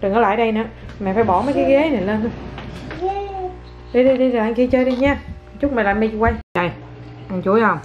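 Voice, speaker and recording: A woman's voice: fairly high pitch, quick pace, pauses often, soft background music. A mother chatting at home with her toddler and her viewers, coaxing and playful, often laughing. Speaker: mother and vlogger. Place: home, indoors. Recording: dull lo-fi home video with faint noise.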